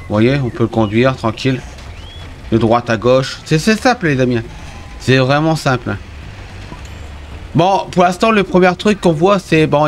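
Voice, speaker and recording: A man giving casual gameplay commentary as a YouTuber, excitable, swinging between grumbling at the game and cheerful explaining to his viewers. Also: medium pitch. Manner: keeps addressing viewers as friends. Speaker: gaming YouTuber.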